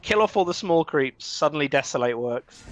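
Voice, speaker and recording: A man casting a live esports match, chatty and wry with quick reactions. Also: a little high, expressive, a little hiss or hum. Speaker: esports caster. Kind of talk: live game commentary.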